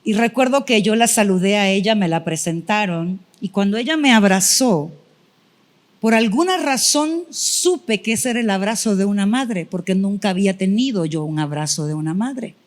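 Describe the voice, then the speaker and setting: A middle-aged woman preaches a testimony with deep feeling, voicing her own past prayers as she tells the story. Her voice sits at a middle pitch. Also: animated, normal speed. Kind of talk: sermon testimony.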